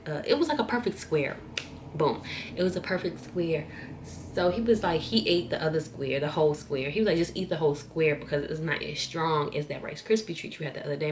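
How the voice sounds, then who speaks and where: Young woman, low voice, animated slangy storyteller, casual vlog. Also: slight background noise. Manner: animated, slangy, addresses viewers as y'all. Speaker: vlogger.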